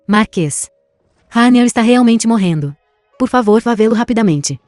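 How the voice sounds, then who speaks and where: Casting: mulher dublando criada jovem e nervosa, tom levemente agudo, drama dublado. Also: female voice, on the high side, moderate pace, a little mellow, no room sound, studio quality, soft background music, close to an everyday voice. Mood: urgent. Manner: urgent, pleading. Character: anxious household maid, young woman. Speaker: dubbing actress.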